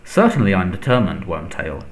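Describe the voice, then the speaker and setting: A man voicing a frail, menacing dark lord in a storybook, soft, breathy and hissing, commanding and contemptuous. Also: medium pitch, expressive, brisk, natural voice. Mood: cold, menacing.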